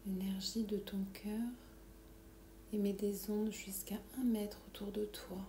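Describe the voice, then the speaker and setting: A woman leads a guided meditation in a hushed, breathy whisper that sits right in the ear. She is unhurried and calming, with a mellow, dark tone. The recording has a roomy echo around her. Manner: slow, calming, soothing instructions. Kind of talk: guided meditation, soft whispered ASMR-like delivery. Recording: roomy echo, low background rumble noise.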